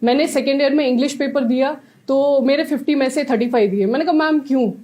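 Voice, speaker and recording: A young woman from Jammu and Kashmir giving an animated motivational talk to students about exam preparation, switching between Hindi and English mid-sentence. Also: high voice, quick pace. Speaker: exam topper giving advice.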